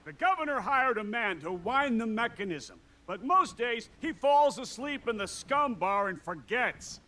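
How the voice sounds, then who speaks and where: High, bright, chatty salty pirate townsman. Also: lively intonation, a little slow, exaggerated voice. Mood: wry, helpful. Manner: theatrical, folksy, wry storytelling. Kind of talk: video game character dialogue.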